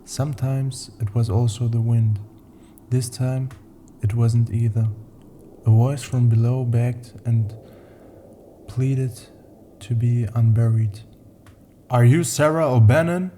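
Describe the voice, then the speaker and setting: A man narrating short horror stories in a slow, deliberate, ominous manner. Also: medium pitch, little pitch movement, dark tone, slight background noise. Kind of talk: scripted horror story narration.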